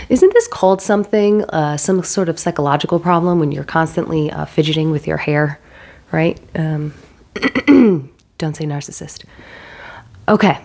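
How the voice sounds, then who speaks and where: A stay-at-home mom vlogging casually, sounding nasal from a cold, chatty and self-deprecating with rambling asides, holding a handheld mic at home. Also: female voice, low voice, a little slow, creaky, long pauses, darkish tone. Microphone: handheld microphone.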